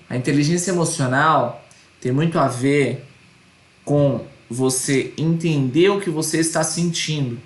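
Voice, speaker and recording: A man's voice: a little high, reverberant. A man teaching an online course lecture, earnest and repeating his points with tag questions.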